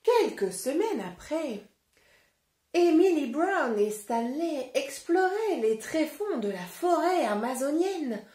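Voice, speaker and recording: Brief: high, animated French woman teacher reading to young kids, carefully articulated. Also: echoey room. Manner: encouraging, addresses child directly; slow, clearly articulated. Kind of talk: interactive read-aloud lesson for children.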